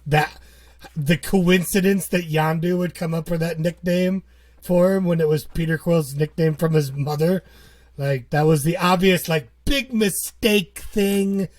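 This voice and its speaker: A man with a somewhat high voice co-hosts a podcast. He talks playfully in a loose, casual way, stopping now and then to hunt for a word before he goes on. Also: darkish tone, dry recording. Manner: playful, jokey, searches for words aloud. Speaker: podcast co-host. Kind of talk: casual chat.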